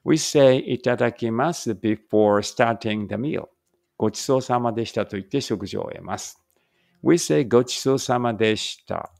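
Gravelly-voiced man reading English slowly. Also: medium pitch, darkish tone, dry recording, studio quality. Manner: reads Japanese then slow careful English, pausing to check pronunciation. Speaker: English teacher. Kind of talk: read-aloud English lesson.

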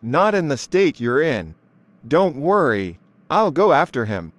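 A man voicing a steady, protective elephant toy in a cartoon drama. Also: a little high, measured pace, no room sound. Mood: reassuring.

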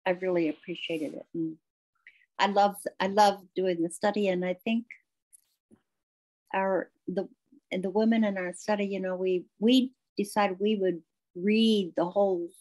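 A woman's voice: medium pitch, fairly even intonation, unhurried, a little mellow, low-quality recording. A woman participant on a video call, speaking appreciatively and restarting her sentences often. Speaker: webinar participant. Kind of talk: webinar comment.

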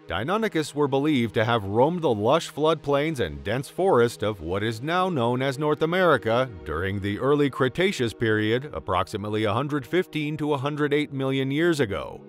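A man reading scripted nature documentary narration with a dramatic, theatrical storytelling delivery. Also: medium pitch. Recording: music behind the voice. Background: background music.

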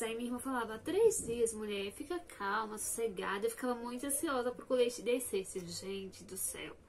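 A young woman with a fairly high voice tells her story to viewers in a chatty, animated vlog. She talks casually and directly to her audience. A faint hiss of background noise sits under the recording. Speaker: vlogger.

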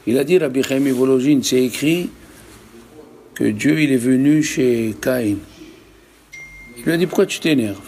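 A rabbi teaching a religious lesson to a live group, emphatic and full of rhetorical questions. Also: male voice, mid-range voice, measured pace, pauses often, a little mellow, slight background noise.

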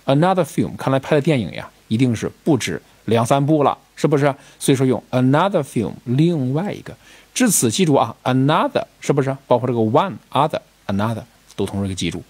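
Guy teaching english online, husky voice, lots of up and down, keeps asking students right?. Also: medium pitch, sing-song, a little fast, a little mellow. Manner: explanatory, addresses students, rhetorical asides. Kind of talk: recorded video lesson.

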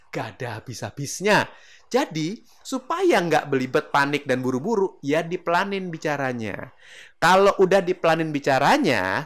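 A middle-aged man giving a relaxed public speaking lesson, his voice pitched a little high for a man. He talks like he's chatting with a friend and keeps it lively. Now and then he slips into short acted examples. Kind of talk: casual spoken lesson.

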